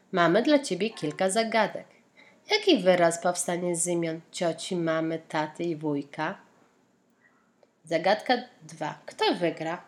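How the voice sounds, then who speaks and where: A woman's voice: on the low side, a little hiss or hum. A woman reading a children's picture book aloud, voicing the characters' lines and asking the young listener questions and riddles about the pictures. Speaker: storybook reader.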